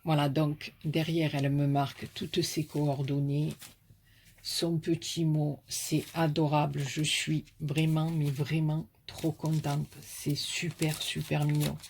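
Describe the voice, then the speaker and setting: This woman's voice sits low and barely moves in pitch, slow and darkish, with a faint hiss or hum on the recording. She's a craft YouTuber from the south of France, casually and fondly talking to viewers while opening packages sent by followers.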